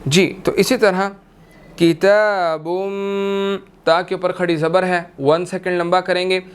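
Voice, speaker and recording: A man teaching tajweed, chanting verses slowly and melodically and then explaining them briskly. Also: high voice, level tone, a bit bright, clean tone, soft background music. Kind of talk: tajweed lesson with chanted recitation.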